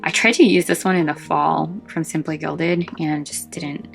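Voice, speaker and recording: A woman's voice: low-pitched, fairly even intonation, normal speed, gravelly, faint music behind. A woman chatting casually and informally as a vlog host, short of breath, meandering through asides as she shows off a craft collection.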